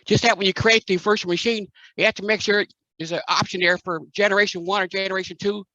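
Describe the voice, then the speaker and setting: A man's voice: sits high, steady tone, bright, forceful tone, no echo, muffled recording. Man with a staticky breaking-up call line. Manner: halting, with many fillers. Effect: staticky, breaking-up call audio. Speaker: workshop participant. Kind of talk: casual technical Q&A. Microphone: computer call connection.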